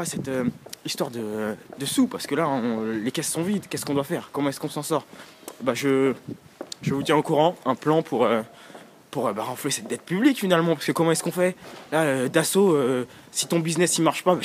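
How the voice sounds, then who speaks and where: A man's voice: a little high, slight background noise. A young man ranting casually and provocatively, rambling with lots of fillers and slang, recorded in a vehicle. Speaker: vlogger. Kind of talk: casual rant vlog.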